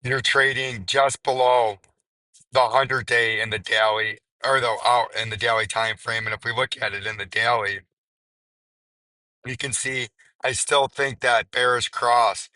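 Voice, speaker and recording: Male crypto chart commentator, hoarse and strained, very forceful raspy edge, flat lowish delivery. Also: a little slow, no echo, poor audio. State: hoarse, voice nearly gone. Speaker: crypto video host.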